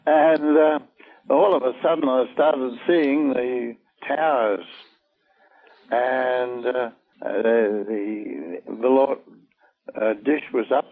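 Slow, halting older man on lo-fi tape. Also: mid-range voice. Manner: slow, halting storytelling with many fillers. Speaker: interviewee. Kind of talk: oral history recollection. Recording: tinny phone-like old recording.

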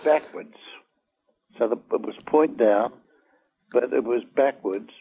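An older man telling a long personal story in an oral-history interview, halting and full of fillers. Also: medium pitch, vocal fry, breathy edge. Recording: tinny phone-like old recording.

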